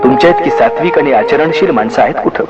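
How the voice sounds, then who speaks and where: A man's voice: a little high, quick pace, lo-fi sound, pitched above the performer's own voice, lightly acted. A man doing a fiery, indignant young brother. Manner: raised, heated, indignant. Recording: music behind the voice.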